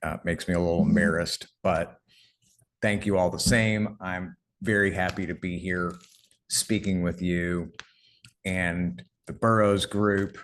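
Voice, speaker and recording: A man with a very low voice gives a webinar presentation over a computer mic on a video call. He talks casually, restarts his sentences, and his voice drops off at the end of phrases. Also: steady tone, measured pace, fairly bright tone, slight background noise. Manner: conversational, self-correcting, trails off at phrase ends. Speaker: guest speaker on clinic billing.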